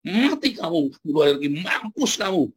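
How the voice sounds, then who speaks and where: A man voicing an angry male prophet who scolds and spits threats at a city, in a husky voice. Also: sits high, very animated, quick pace, a bit bright, voice pushed up, exaggerated voice. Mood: furious.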